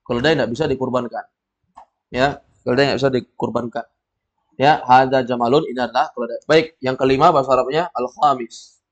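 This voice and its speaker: A man's voice: mid-range voice, fairly even intonation, a little fast, dull audio. A man leads a language class, drilling his students and quizzing them. He corrects mistakes directly and keeps the lesson moving. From Indonesia. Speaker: Arabic teacher.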